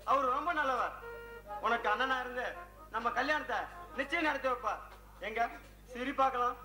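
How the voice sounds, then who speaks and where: A man playing a gentle, teasing young lover. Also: very high voice, normal speed, full character voice. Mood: tender. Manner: tender, teasing, reassuring. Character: affectionate young male lover, cheerful. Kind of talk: village stage drama. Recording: echoey open-air stage with loud music.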